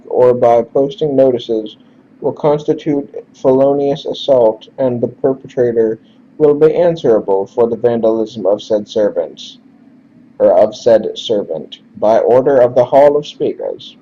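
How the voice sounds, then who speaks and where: A man's voice: medium pitch, normal speed, mellow, muffled recording, natural voice. A man doing a grave official proclaiming decrees. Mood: solemn decree. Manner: grave, formal declaiming. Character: solemn male official reading a proclamation.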